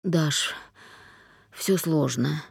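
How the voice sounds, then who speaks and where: A woman voicing a weary middle-aged mother speaking softly and carefully to her daughter, in an audiobook. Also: sits low, drawn-out words, vocal fry, breathy edge, dry recording, studio quality, pitched below the performer's own voice, full character voice. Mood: soothing. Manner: soft, careful, hesitant.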